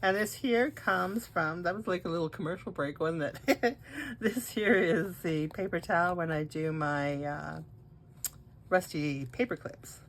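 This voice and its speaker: A woman with a low voice and a lingering cold chats through a craft show-and-tell. She rambles, restarts her sentences and fills the gaps with "uh" as she goes. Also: unhurried, a little hiss or hum. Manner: chatty, rambling, frequent restarts and "uh". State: has a cold, coughing and hiccups. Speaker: craft video host.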